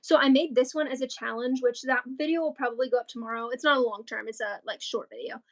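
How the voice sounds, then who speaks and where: High-voiced chatty teen girl. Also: fast. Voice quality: chatty, rambling with many likes and ums. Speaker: co-host of a crochet livestream. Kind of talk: casual livestream chat.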